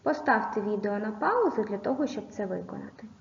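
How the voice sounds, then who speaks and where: A woman's voice: mid-range voice, animated, brisk, vocal fry. A woman teaching a recorded lesson to young pupils, patiently dictating and spelling out sounds and syllables. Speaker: primary school teacher. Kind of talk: recorded video lesson for children. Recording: echoey room, dull lo-fi sound.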